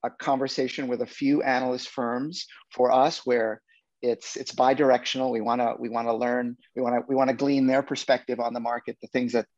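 A man speaking as a startup executive on a business panel, in halting tech-bro jargon with repeated words. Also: mid-range voice, little pitch movement, a little mellow, dry recording, muffled recording. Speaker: startup executive, interview guest.

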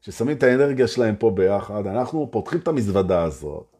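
A man's voice: on the low side, expressive, dark tone. A man giving a live-streamed motivational talk as a spiritual teacher, playful and repetitive, often repeating a phrase for emphasis.

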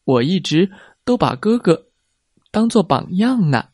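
An eager little anteater boy from a children's storybook, voiced by a man in a high, pleading tone. He speaks in a sing-song, lively way. The sound is close and dry. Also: measured pace, dry recording, heavily acted. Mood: proud. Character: small eager young male anteater, little brother.

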